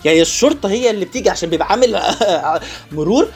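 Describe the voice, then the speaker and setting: A man with an Egyptian Arabic accent hosting a vlog in a joking, animated casual monologue, repeating phrases for emphasis. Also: high voice, rapid-fire, faint music behind. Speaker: vlog host.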